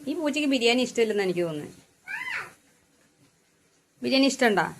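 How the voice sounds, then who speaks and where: A woman's voice: on the high side, animated, a little fast, a little hiss or hum. A woman with a Kerala accent, chatting casually and playfully as she cooks with a small child at home. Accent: Kerala Malayalam. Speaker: home cook vlogger. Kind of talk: casual family cooking chat. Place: home kitchen.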